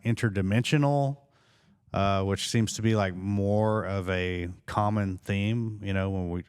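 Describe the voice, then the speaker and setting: A man's voice: low-pitched, clean tone. A man hosting a podcast, asking questions and musing in a conversational way, with lots of "uh" and "you know". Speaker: podcast host. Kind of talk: casual podcast interview.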